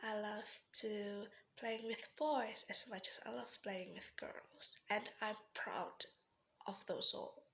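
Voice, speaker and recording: A young Indonesian woman delivers a rehearsed formal speech in a slow, deliberate way, her bright voice edged with gravelly fry. She sounds earnest, pausing often and restarting words, with the accent of a speaker whose first language is Indonesian. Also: medium pitch, steady tone. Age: young adult. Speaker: student giving a practice speech.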